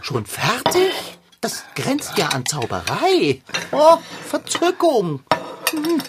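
A woman's voice: a little high, wildly swooping pitch, slow, noisy background, heavily acted. A woman voicing a pompous, greedy male tomcat, a fussy gourmand who talks in flowery, formal phrases. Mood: haughty. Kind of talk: cartoon voice acting.

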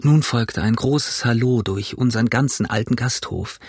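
A man reading an adventure novel aloud in steady, measured audiobook narration. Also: medium pitch, slightly rough, no room sound, studio quality.

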